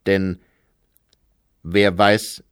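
A man doing a cold, sharp-voiced official. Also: sits low, little pitch movement, extremely slow, smooth, dry recording, clean studio sound, full character voice. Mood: suspicious. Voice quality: sharp, clipped voice. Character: cold, suspicious gray-suited male official.

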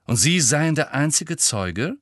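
Pushy scheming woman reporter, voiced by a man; lifted high and loud, lively, gushing emphasis. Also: a little slow, no echo, studio quality. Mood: prying. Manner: gushing, prying, dramatic emphasis.

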